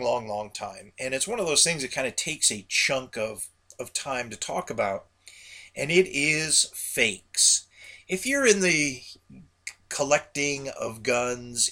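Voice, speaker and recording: This man has a gravelly, medium-pitched voice with a bright, hard edge. Hosting a solo podcast, he rambles through a casual, folksy monologue aimed at his regular listeners.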